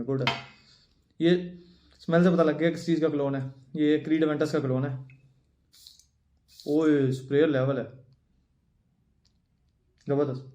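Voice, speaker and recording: A man's voice: fairly high pitch, dark tone, roomy sound, lo-fi sound. A man chatting casually as he unboxes and sniffs perfumes at home, thinking aloud as he handles each bottle, recorded on a phone with a plug-in mic. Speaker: perfume reviewer. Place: at home, indoors. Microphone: phone with plug-in USB-C mic.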